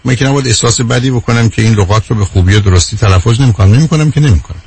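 Husky-voiced Iranian man lecturing on radio. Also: on the low side, darkish tone. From Iran. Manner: emphatic, lecturing with rhetorical questions. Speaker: radio show speaker. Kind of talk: radio talk show monologue.

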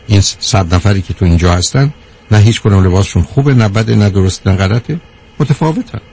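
A man giving a measured talk to a live audience, counting off his points one by one and answering a question from the room. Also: fairly low pitch, a little mellow, breathy edge. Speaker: speaker on anger management.

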